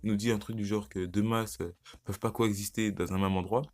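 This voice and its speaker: A teenage guy chatting casually about an anime, excitable and slangy, rambling with lots of restarts. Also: on the low side, brisk. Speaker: YouTuber. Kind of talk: casual anime commentary vlog.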